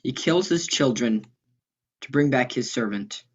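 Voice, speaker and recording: A woman's voice: a bass voice, expressive, unhurried, breathy edge, heavily acted. A woman playing an appalled fellow storyteller in comic stage dialogue. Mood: appalled, resigned. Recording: dull, muffled stage recording.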